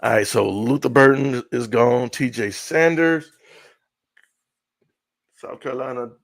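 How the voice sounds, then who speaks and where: A middle-aged man hosting a casual live sports stream, excitable and repetitive, often trailing off mid-sentence. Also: medium pitch, unhurried, gravelly, dry recording, studio quality. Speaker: sports show host.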